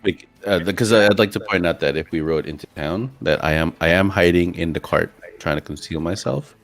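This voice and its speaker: A man's voice: sits low, a little fast, soft background music. A man playing a tabletop game over voice chat, chatty and loose as he explains his character's moves. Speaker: player. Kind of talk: casual tabletop play.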